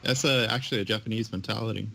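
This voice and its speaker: Gravelly, fairly low-voiced man. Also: fairly even intonation, rapid-fire, pushed and bright. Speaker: podcast co-host. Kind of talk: casual chat.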